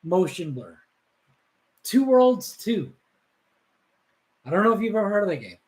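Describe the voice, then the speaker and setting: A man's voice: high-pitched, big pitch swings, measured pace, darkish tone, rough recording. A man co-hosting a gaming podcast, talking casually in profane slang and laughing often. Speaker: podcast co-host.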